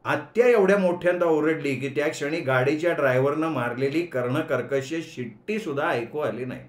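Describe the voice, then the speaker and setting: A man narrating a story in an expressive, measured manner, in an echoey room. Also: on the high side. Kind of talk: story reading.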